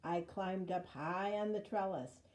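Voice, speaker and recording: A woman reading a children's story aloud in an expressive, dramatic way, drawing out words. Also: lowish voice. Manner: dramatic, with drawn-out words and sound words. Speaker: storybook reader.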